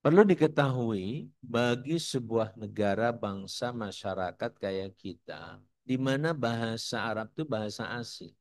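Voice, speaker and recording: A man's voice: medium pitch, measured pace, a little mellow. A man teaching an Islamic study lecture as the guest teacher, explaining patiently and tossing in rhetorical questions. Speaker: religious teacher. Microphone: live broadcast mic.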